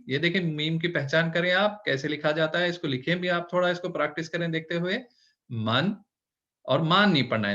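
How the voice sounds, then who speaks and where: A man teaching an online Urdu lesson, patient, repeating words slowly and checking often that the learner follows. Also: on the high side, a bit bright. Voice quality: Hindi-English code-switching. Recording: dull lo-fi recording.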